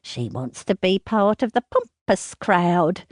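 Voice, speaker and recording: A woman voices a cruel, self-pitying, volatile middle-aged mother who alternates between berating and pleading. Her delivery is shrill and berating, swinging to sobbing pleas, with big pitch swings at a measured pace, in a dry recording with clean studio sound.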